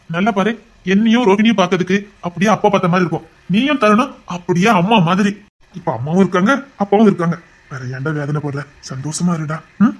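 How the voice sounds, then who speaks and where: An actor playing a gentle older brother who is a police officer, speaking with a Tirunelveli Tamil accent and consoling his siblings in a voice choked with emotion. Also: high voice, muffled recording. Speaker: actor in a TV serial. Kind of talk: TV serial acting.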